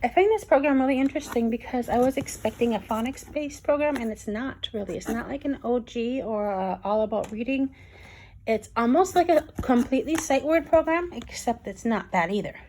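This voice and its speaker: A young woman giving a casual review of a reading program, talking quickly and excitedly with frequent ums. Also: a little high, a little hiss or hum. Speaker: homeschool curriculum reviewer.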